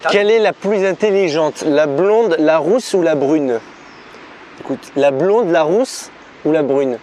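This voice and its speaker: High-voiced young man bantering casually. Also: lively intonation, unhurried, darkish tone, a little hiss or hum. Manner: slangy, informal. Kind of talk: casual joke-telling challenge banter.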